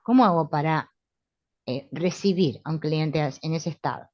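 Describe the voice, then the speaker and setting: Calm rioplatense lady teaching a therapy class, low voice, dry dull lo-fi sound. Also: normal speed, dry recording. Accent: Rioplatense Spanish. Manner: calm, assured, with frequent tag questions. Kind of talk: spiritual therapy lesson.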